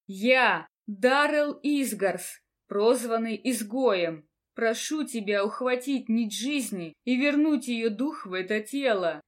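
A woman voicing a young man who speaks slowly and solemnly, making a firm vow. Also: a little high, lightly acted. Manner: slow, solemn and forceful.

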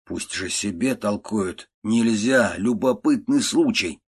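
A man voicing a boastful, talkative doctor in an audiobook reading, in a low husky voice. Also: slow. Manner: boastful, chattering.

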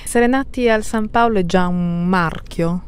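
A woman radio reporter asking direct, brisk questions on location. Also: medium pitch, slight background noise.

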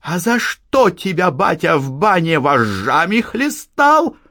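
Male reader playing a sharp-tongued young wife, raised pitch, lively, dry close sound. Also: measured pace, no room sound. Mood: defiant. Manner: sharp, mocking retorts. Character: defiant young married peasant woman, sharp-tongued. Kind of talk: audiobook reading.

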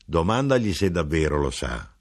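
In an audiobook reading, a man with a low-pitched, very animated voice speaks at a moderate pace as a small, sorrowful old hermit who writes about the world's pain. The delivery is a solemn lament, grieving and preaching.

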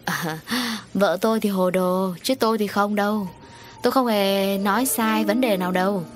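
A woman's voice: medium pitch, moderate pace, soft background music, close to an everyday voice. A woman voicing a sly middle-aged man who mocks his cousin smugly in a storybook reading. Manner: smug, mocking.

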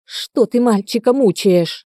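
A woman's voice: medium pitch, moderate pace, warm tone, no echo, clean studio sound, lightly acted. A woman voicing a hysterical, doting middle-aged mother who shrieks and wails over her son. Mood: shrill hysterical. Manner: shrieking, wailing.

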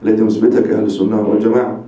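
A man's voice: lowish voice, little pitch movement, very fast, warm tone. A man giving a religious lecture as a sheikh, explaining emphatically and restating his points. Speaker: sheikh teaching a religious text. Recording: echoey, distant, dull lecture recording.

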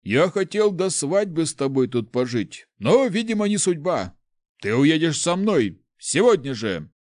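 A man's voice: fairly high pitch, big pitch swings, measured pace, no echo, clean studio sound, pitched above the performer's own voice. A bellowing brutish young nobleman, as a man puts him on. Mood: scornful. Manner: shouting, bullying. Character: brutish hot-tempered young nobleman, bridegroom. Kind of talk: audiobook character voice.

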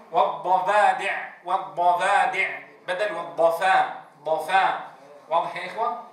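A man's voice: high voice, pushed and bright. A man teaching Quran recitation, drawing out letter sounds for a class to repeat and quizzing them on each letter. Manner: drawn-out demonstrations of letter sounds, asks the class questions. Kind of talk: tajweed lesson with call-and-response drills. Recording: echoey room, distant mic, faint noise.

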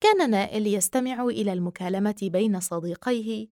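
A woman reading a novel aloud as an audiobook narrator, in measured literary narration. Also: mid-range voice, dark tone, no room sound, studio quality. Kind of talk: scripted narration.

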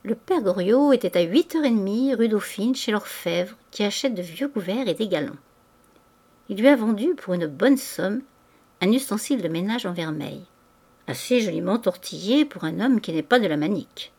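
A sly, swaggering middle-aged lodger, read by a woman in an audiobook, mocking and jovial as he spins his gossip. Her voice stays close to her own, with an even middle pitch. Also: normal speed, breathy edge. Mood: scornful. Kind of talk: audiobook reading.

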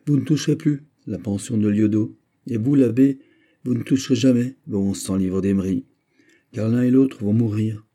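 A man's voice: moderate pace, mellow, close to an everyday voice. A man voicing a grave, commanding nobleman. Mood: urgent, grave. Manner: low, urgent, ominous delivery. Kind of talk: audiobook character reading.

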